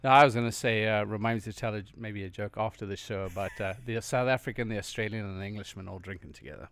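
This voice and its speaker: A man's voice: lowish voice, fast, gravelly, a bit bright, dry recording. Male podcast guest: easygoing storyteller, close and dry recording. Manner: easygoing, laughs at his own jokes. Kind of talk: casual chat, telling a joke.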